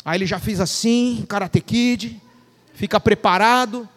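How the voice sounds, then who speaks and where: A man's voice: high voice, measured pace, fairly bright tone, big-room sound. A male pastor preaching a sermon, calling questions out to the congregation.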